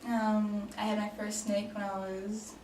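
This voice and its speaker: A Danish woman in her late twenties answers questions in a casual, improvised mock job interview, hesitating with many ums and restarts. Her mid-range, slightly mellow voice is completely flat and measured, captured by a distant mic in an echoey room with faint noise.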